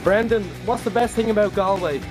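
High-pitched boisterous young Irish man. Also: fairly quick. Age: young adult. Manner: boisterous, sweary, slangy. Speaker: vlogger. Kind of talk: casual street vlog chat, quizzing passers-by. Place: busy shopping streets, pub and shops. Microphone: phone at arm's length. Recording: handheld phone recording with music and crowd noise. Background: music, crowd, street traffic.

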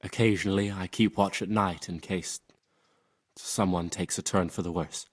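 A humble helper monk in a medieval game. The voice is low and husky, plain and modest. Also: male voice, steady tone, normal speed. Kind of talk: video game dialogue acting.

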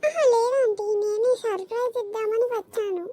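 A woman's voice: very high voice, normal speed, mellow. A woman voicing a polite young female visitor back from abroad in a cartoon, pleading and courteous.

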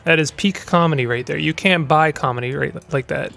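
A man's voice: a little high, brisk, vocal fry, a bit bright, soft background music. A man hosting a gaming channel, giving rambling, chatty let's play commentary with stumbling restarts.

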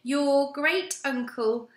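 A woman's voice: high-pitched, extremely slow, pitched above the performer's own voice. Woman doing a grave female boss. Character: composed female general manager, grave and formal. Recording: roomy echo.

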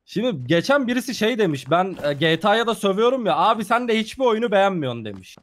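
A man's voice: high-pitched, big pitch swings, fast talker. A young man playing a game with a friend, teasing him and cracking mock-serious jokes. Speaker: guest gamer. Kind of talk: casual gameplay chat with a friend.

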